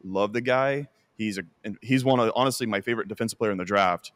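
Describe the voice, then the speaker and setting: Laid-back male co-host with a lowish voice and a dry, close sound. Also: fast talker, fairly bright tone, dry recording. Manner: easygoing, trails off, repeats himself. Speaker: podcast co-host. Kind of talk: casual sports chat.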